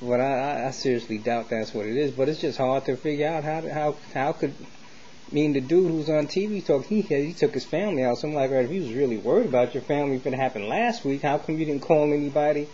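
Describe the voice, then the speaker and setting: A fast-talking American man with a highish voice and dark tone rambles through a casual vlog, voicing opinions in colloquial street slang and repeating himself as he circles back. The recording is dull and lo-fi, with faint noise.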